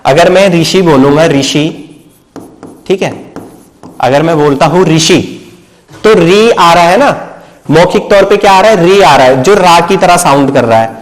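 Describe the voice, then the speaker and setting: In an explanatory video lesson, a man from Uttar Pradesh teaches Hindi, mixing in English words, posing questions and answering them himself while frequently checking in with his students. His voice sits high and sounds animated at a normal speed, though the recording is rough.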